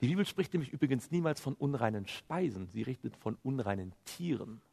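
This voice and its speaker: A man's gravelly, husky, medium-pitched voice drives a sermon at a slightly fast pace. He's animated, quoting scripture and tossing out rhetorical questions he then answers, with a long reverb from the hall.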